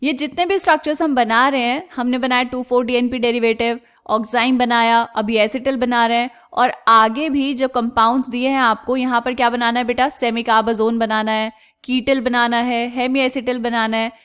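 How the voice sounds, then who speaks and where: A woman explains chemistry reactions step by step in a clear, smooth, high voice. She keeps asking the class questions and answering them herself, and stretches out each technical term slowly. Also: fairly even intonation, a bit bright. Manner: slows down and stretches out technical terms. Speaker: chemistry teacher.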